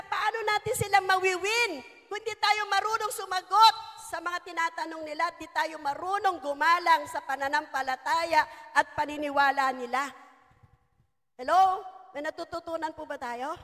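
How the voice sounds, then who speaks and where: A middle-aged woman pastor preaching a lively sermon, switching between Tagalog and English and calling out to the congregation. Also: very high voice. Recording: reverberant church hall.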